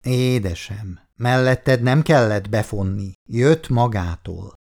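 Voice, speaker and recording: A woman's voice: extremely low pitch, a little mellow. A man reading aloud and voicing a bold young woman who insists and mocks her rival. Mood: brazen insistent. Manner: insistent, mocking, brazen.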